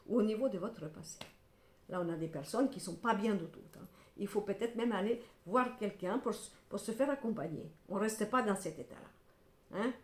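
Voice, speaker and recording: A woman's voice: medium pitch, darkish tone, echoey room. A middle-aged woman doing a tarot reading to camera, emphatic and repetitive, scolding and then consoling her viewers. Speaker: tarot card reader.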